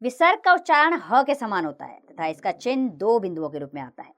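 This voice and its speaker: Female teacher voice for a kids' lesson, clear and slow, with lively pitch. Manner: slow, clear recitation of letters with lively sing-song rises and falls. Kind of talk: children's grammar lesson narration.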